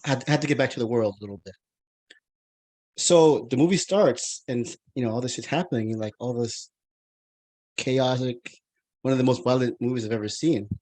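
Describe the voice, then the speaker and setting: A man's voice: mid-range voice, normal speed, pauses often, darkish tone. An American man in his thirties hosting a podcast interview, talking casually and rambling with many restarts and fillers. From United States. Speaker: podcast host.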